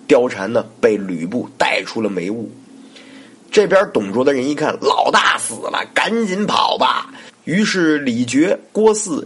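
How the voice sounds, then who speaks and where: A man's voice: medium pitch, breathy edge. A man, telling a historical story in a chatty, colloquial way as podcast host. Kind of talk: casual storytelling narration.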